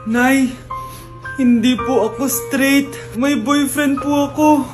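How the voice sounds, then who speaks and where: A woman with a very high voice plays the child and the friend in quick comic skits, delivering each line with broad, teasing emphasis. Soft music runs beneath her. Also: fairly even intonation. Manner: exaggerated, teasing skit delivery. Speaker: comedy skit performer. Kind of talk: acted comedy skits. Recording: music faintly behind.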